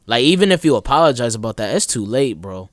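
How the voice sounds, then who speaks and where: A man's voice: medium pitch, sing-song, fast talker. A young man hosting a casual chat, talking bluntly in slang with lots of "like" and "bro". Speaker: host.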